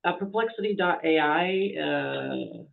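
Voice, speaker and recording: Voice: medium pitch, slow pace, vocal fry. A webinar moderator relaying audience questions in a hesitant way with frequent restarts. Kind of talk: casual Q&A moderation. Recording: tinny phone-like call audio.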